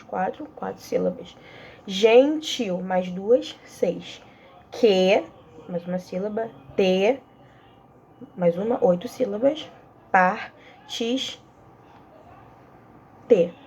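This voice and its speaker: A woman's voice: medium pitch, gravelly, dark tone, muffled recording, a little hiss or hum. A young woman with a Brazilian accent giving a casual online literature lesson, hesitant and full of fillers and restarts. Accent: Brazilian Portuguese. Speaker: student volunteer teacher.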